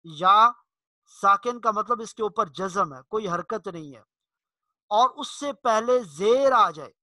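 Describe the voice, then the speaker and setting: A middle-aged man teaching Quran recitation, explaining rules in a plain lesson voice and chanting verses slowly. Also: sits high, animated, bright, forceful tone, dry recording.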